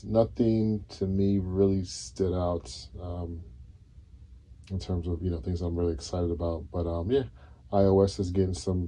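A low-pitched man in his thirties chats to the camera in a relaxed, rambling way, with plenty of ums and restarts. His voice is very dark and mellow, with a husky edge. He sits indoors close to the camera mic. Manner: relaxed, many fillers and restarts. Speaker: tech vlogger. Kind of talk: casual solo video review. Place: dim indoor room, seated on a couch.

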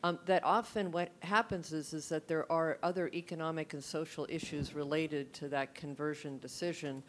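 Low-voiced woman raising a point. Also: steady tone, moderate pace, slight background noise. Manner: thoughtful, with many fillers. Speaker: audience member asking a question.

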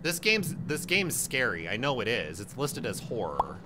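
A young man giving casual, jokey let's-play commentary on a horror game, with loud, jumpy reactions. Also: medium pitch, wildly swooping pitch, normal speed, very noisy. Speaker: gaming YouTuber.

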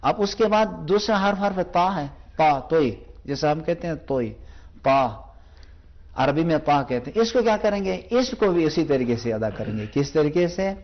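A man teaching Quran recitation on a televised lesson, patiently explaining pronunciation and repeating each sound slowly as a demonstration. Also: fairly high pitch, lively intonation, highs cut off.

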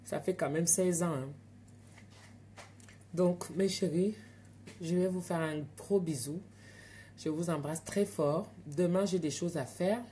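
A woman's voice: lowish voice, takes it slowly, long pauses, warm tone, slight background noise. A woman with an African French accent, telling stories and chatting straight to her viewers on a casual live stream from home at night.

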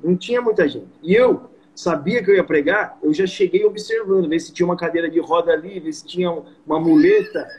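A young man in his twenties with a Brazilian accent, telling a story as a guest in a casual, slangy, animated way. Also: sits high, a little fast, hardly any pauses, low-quality recording. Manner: slangy, animated, peppered with "mano" and "velho". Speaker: guest preacher.

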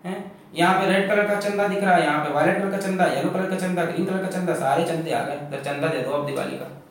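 A man teaching a physics lecture, lively and full of rhetorical questions, mixing English terms into his explanation. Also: high voice, quick pace. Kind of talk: classroom lecture. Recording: echoey classroom from far off.

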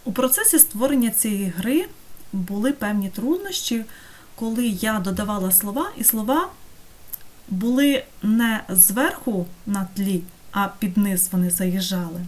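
A woman teaching an online course, talking through a screen-recorded software tutorial step by step and checking in with her students. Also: medium pitch, expressive, a little slow. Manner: patient, step-by-step, checks in with "так?".

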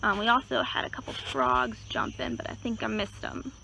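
A woman walks along a pond as a nature guide, talking in a relaxed, chatty way with plenty of fillers. Her voice sits a bit high. The outdoor recording carries clear cricket and insect noise behind her. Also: moderate pace, low-quality recording. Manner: relaxed, chatty, many fillers and hedging words. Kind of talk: casual outdoor nature walk explanation. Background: crickets and insects in a rural setting.

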